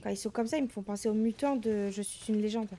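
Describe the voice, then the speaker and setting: A woman's voice: mid-range voice, fast, warm tone, a little hiss or hum. A woman giving casual gameplay commentary, speaking informally and directly to her viewers. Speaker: gamer.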